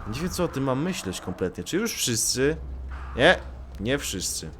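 A man commentating his own gameplay in a joking, chatty way, his pitch swinging widely. He teases the enemies on screen as he goes. Clear noise sits under his voice. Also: big pitch swings, moderate pace, a bit bright. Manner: joking, talks to the enemies he fights. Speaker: gaming YouTuber. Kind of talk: Let's Play commentary.

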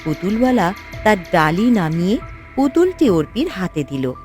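Expressive woman storyteller. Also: mid-range voice, normal speed, music in the background. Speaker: narrator. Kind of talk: scripted storybook narration.

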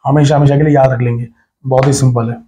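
A man's voice: medium pitch, level tone, quick pace, warm tone, slight background noise. A man with an Indian accent teaching physics in a recorded exam-prep lecture, chatty and teasing, repeating phrases and mixing English terms into his talk.

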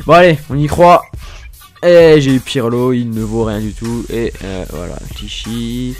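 A man's voice: medium pitch, a little slow, faint music behind. A man doing casual, self-mocking commentary while opening game packs, stammering and laughing often. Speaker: gaming YouTuber.

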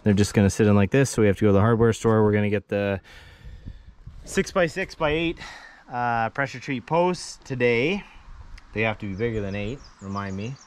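A man's voice: on the low side, animated, normal speed, slight background noise. Man vlogging outdoors on a building site. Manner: chatty, explains plans while working. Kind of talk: casual vlog narration. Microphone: action camera held at arm's length.

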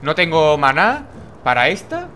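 A man's voice: on the high side, wildly swooping pitch, a little slow, bright, forceful tone, slight background noise. A young man from Spain with a Castilian accent, commenting casually on a video game, tired late at night and swearing freely. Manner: swearing, chatty, jokey. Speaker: gaming YouTuber.

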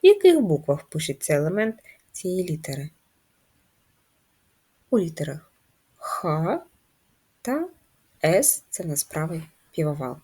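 A woman teaching a first-grade class, reading riddles and guiding letter writing in a slow, sing-song manner for young children. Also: deep voice, sing-song, mellow, slightly rough. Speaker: primary school teacher. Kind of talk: first-grade handwriting lesson.

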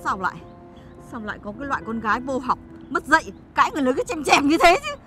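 A woman's voice: very animated, fast talker, music in the background. An actress playing a scornful, hot-tempered middle-aged mother who scolds and insults. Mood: contemptuous. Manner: scolding, insulting, shrill shouting. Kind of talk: web drama acting.

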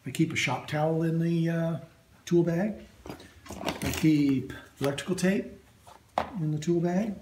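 A man hosting a workshop video, casually showing his tools in a slow, halting way with lots of ums and uhs. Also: fairly high pitch, noisy background. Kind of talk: casual show-and-tell of tools. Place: indoor workshop at a metal bench. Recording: loud clatter of metal tools.

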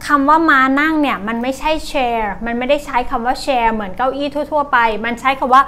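A woman teaching English words to children, with a Thai accent, saying each word slowly over and over. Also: high-pitched, sharp tone, slight background noise. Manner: slow, drawn-out repetition of each word. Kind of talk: vocabulary lesson for children.

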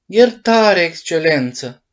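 A man doing a high pleading wooden puppet boy. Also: sing-song, lo-fi sound. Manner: pleading, earnest, raised voice.

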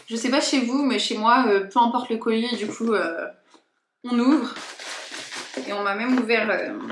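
Young woman doing a chatty haul vlog, kinda hesitant, thinks out loud, echoey room. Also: fairly high pitch, background noise. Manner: informal, hesitant, thinking aloud. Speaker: lifestyle and beauty vlogger.

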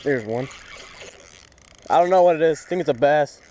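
A man's voice: fairly high pitch, moderate pace. Young man vlogging while fishing outdoors. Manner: relaxed, rambling with fillers. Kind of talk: casual outdoor commentary. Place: lakeshore outdoors. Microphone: head-mounted action camera.

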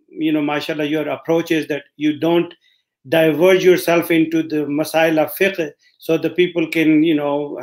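A man hosting an interview, asking polite questions with hesitant "uh" pauses. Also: fairly high pitch. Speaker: interviewer host.

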